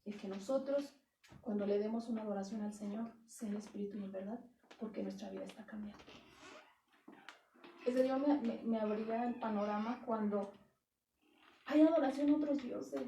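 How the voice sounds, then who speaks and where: A woman's voice: mid-range voice, moderate pace, long pauses, mellow, slight background noise. A woman pastor preaching a sermon in earnest, emphatic tones, quoting scripture as she teaches. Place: church. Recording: echoey church hall, heard from a distance.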